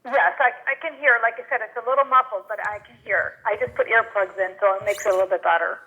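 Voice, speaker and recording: A woman's voice comes through a speakerphone, muffled as though heard through a wall. The phone line squeezes it into a thin, tinny band. She answers at a middling pitch, hesitant and repeating herself. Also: fast. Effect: muffled voice over a speakerphone, like through a wall. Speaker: property owner testifying by phone. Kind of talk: hearing testimony. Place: remote caller heard over a hearing-room speaker.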